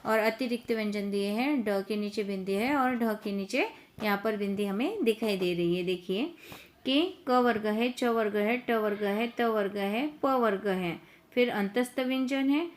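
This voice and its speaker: A woman teacher with an unhurried, mid-range voice gives a step-by-step grammar lesson. She poses each point as a question and then answers it herself.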